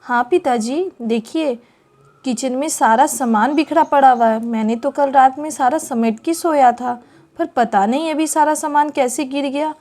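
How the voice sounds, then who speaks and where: A woman's voice: high voice, normal speed, darkish tone, lightly acted. A woman doing a polite young daughter-in-law. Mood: explaining. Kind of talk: doll story voice acting.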